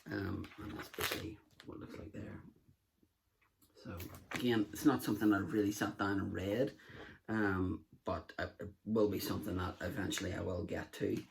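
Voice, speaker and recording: A man's voice: low voice, steady tone, moderate pace, creaky, slight background noise. A man hosting a collector vlog, talking casually and rambling through his books. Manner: rambling, with many fillers and restarts. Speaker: collector video host. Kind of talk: casual show-and-tell vlog.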